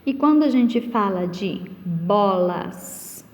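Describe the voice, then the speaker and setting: A woman's voice: mid-range voice, expressive, a little mellow. A woman teacher giving a recorded lesson to young pupils, patiently asking questions and answering them herself. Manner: slow, patient, questions and answers her own questions. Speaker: primary school teacher. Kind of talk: recorded online class lesson. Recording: long reverb.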